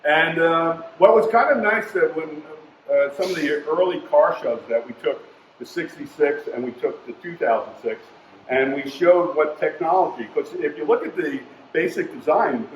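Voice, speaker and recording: An older man, a car collector, talking casually and telling lively anecdotes in an interview. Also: on the high side, normal speed, slight background noise. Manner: animated anecdote teller, acts out quoted voices. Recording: roomy, dull sound with faint ambience.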